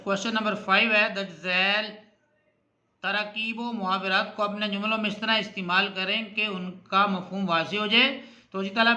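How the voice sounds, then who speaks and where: A man's voice: sits high, pushed and bright. A male Urdu teacher working through a textbook exercise. He explains each answer patiently and often speaks directly to the students. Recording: echoey room.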